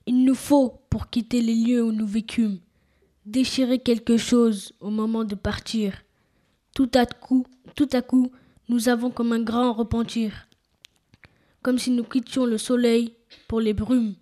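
A woman reciting a poem in a slow, deliberate way. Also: a little high, flat delivery, mellow. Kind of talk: poetry reading.

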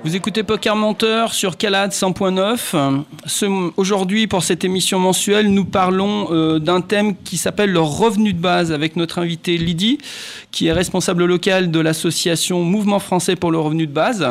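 A male radio host, speaking in a slightly high voice. He talks in a halting, friendly way, filling gaps with hesitations and restarting his sentences as he leads the discussion. The sound is a plain studio talk-show recording. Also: fairly even intonation, soft background music. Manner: hesitant, many fillers and restarts; chuckles at his own anecdotes.

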